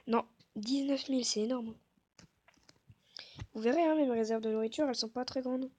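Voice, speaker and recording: Woman chatting low over her game, high voice, bit husky, jokes at herself. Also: moderate pace. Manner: speaks softly, self-mocking asides. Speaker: gaming video creator. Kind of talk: casual gameplay commentary.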